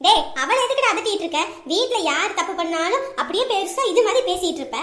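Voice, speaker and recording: A woman acting as a scolding mother-in-law in a comedy skit, loudly berating her son. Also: very high voice, animated, fast. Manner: loud scolding, dramatic lamenting. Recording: roomy echo.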